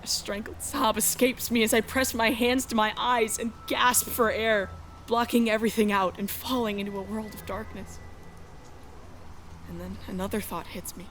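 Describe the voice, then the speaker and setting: Over background music, a woman acts as a young runaway heroine in a space adventure fan dub, giving dramatic first-person visual novel narration that is anguished and defiant. Her voice sits on the high side, fairly bright and close to an everyday voice, with fairly even intonation and a moderate pace. The mood is tense and reflective, with a little hiss or hum in the recording.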